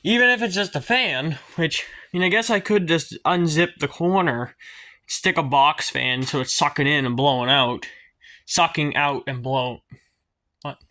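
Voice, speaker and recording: A man's voice: fairly high pitch, a little slow, sharp tone. A man, talking casually through his work in his home garage, rambling with lots of ums. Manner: rambling, hesitant with many ums. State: out of breath at times. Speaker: garage vlogger. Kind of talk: casual workshop vlog.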